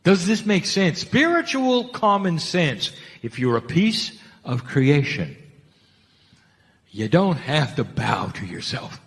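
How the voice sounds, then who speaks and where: A man's voice: fairly high pitch, sing-song, slow, vocal fry, fairly bright tone, big-room sound. A man giving a channeled spiritual talk, emphatic, asking rhetorical questions and repeating key phrases.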